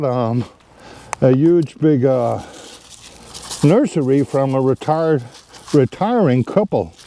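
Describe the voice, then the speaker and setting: In a fairly high yet dark-toned voice, a vlogger explains how to plant trees outdoors, rambling casually with many fillers and asides for his audience. A camera set down nearby picks him up, and he sounds a little strained as his back tightens.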